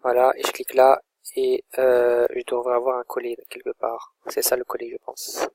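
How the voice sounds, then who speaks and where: A man in an informal, think-aloud software tutorial, talking his viewers through each click as he goes. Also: medium pitch, monotone, normal speed, creaky, no room sound. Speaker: online course instructor. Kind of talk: screen-recorded software tutorial.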